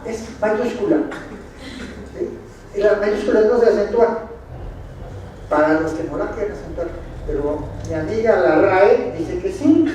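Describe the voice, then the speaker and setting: A man's voice: high-pitched, a little mellow. A man with a Mexican Spanish accent giving a lecture with slides at a conference, quizzing the audience with dry, ironic asides. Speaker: conference speaker. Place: lecture hall. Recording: very echoey hall, distant, faint noise.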